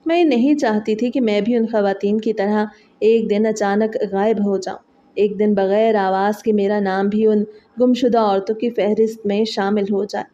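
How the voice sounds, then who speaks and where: Mellow-voiced woman narrating an emotional story. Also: mid-range voice, steady tone, muffled recording. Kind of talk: first-person dramatic story narration.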